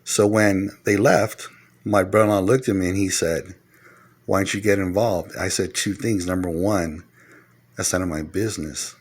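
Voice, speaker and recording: Middle-aged guy, kinda low voice, preaching life advice at the camera, counts off points, gets worked up. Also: steady tone, moderate pace, breathy edge. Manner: earnest, lecturing, numbers his points; grows loud and heated when retelling arguments. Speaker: vlogger giving life advice. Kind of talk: casual monologue to camera.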